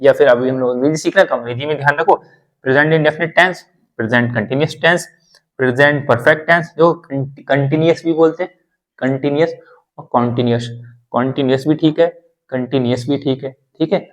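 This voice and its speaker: A man's voice: mid-range voice, a little fast, rough recording. A man teaching English grammar in a classroom lesson, repeating terms and reassuring learners. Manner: repetitive, reassuring explanations.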